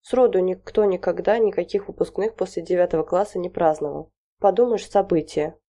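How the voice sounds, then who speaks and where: A woman's voice: fairly low pitch, fairly quick, mellow. A woman reading an audiobook voices a fussy, anxious middle-aged mother who frets and pleads. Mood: coaxing. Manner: fretful, pleading, flustered.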